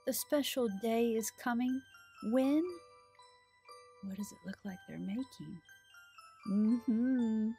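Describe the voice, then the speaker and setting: A middle-aged storytime host has a fairly high, gravelly yet warm voice, speaking slowly with long pauses. She talks to young viewers and reads aloud in an exaggerated sing-song style on a small decorated indoor set, with soft music in the background.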